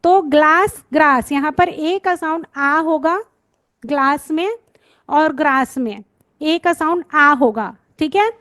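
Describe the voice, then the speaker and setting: A woman's voice: high-pitched, slow, fairly bright tone, dry recording. A woman teaching phonics, patiently sounding out letters and words and checking in with her students. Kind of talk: spoken lesson, sounding out words.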